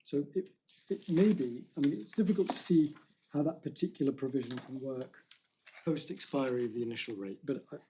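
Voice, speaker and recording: A man's voice: mid-range voice, fairly quick, dark tone, slight background noise, poor audio. A man, a barrister making a careful legal submission in court, stressing key words and restarting phrases.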